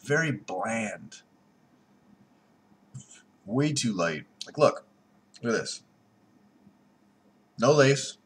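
Speaking into a webcam at his desk in a small room at home, a man reviews a beer with blunt sarcasm and uneven loudness. His medium-pitched voice is expressive and has a breathy edge, and he draws out words and pauses often.

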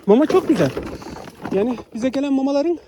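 A man's voice: extremely high pitch, animated, fairly quick, background noise. A man, feeding animals outdoors and talking to them and to his viewers in a casual, coaxing vlog. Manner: coaxing, repeatedly calling animals with a lilting voice. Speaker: animal feeder and vlogger.

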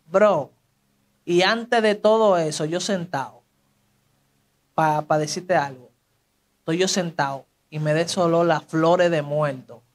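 Young Dominican man, high-pitched and animated, telling his own story in street slang; brings in other people's voices as he goes. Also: a little slow, long pauses. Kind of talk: casual testimony.

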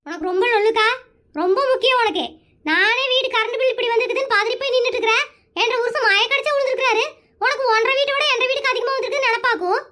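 A woman voicing a dramatic young village wife in a cartoon, quick-tongued and argumentative. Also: pushed and bright. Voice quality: very high squeaky cartoon voice. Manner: wailing, fast, argumentative.

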